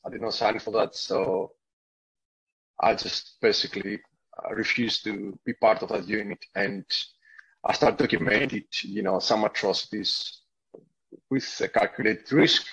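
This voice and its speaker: A man who grew up in Greece, a whistle-blower guest giving a halting personal account on a video call, with many fillers and restarts. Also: lowish voice, steady tone, gravelly, fairly bright tone, breathy edge, rough recording.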